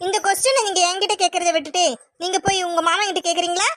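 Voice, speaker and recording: A woman voicing a bold, sharp-tongued young daughter-in-law in a cartoon, with a southern Tamil village accent. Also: very high-pitched, fairly even intonation, no room sound, clean studio sound. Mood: sassy. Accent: Tamil Nadu southern village. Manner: sassy, quick retorts. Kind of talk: cartoon voice acting.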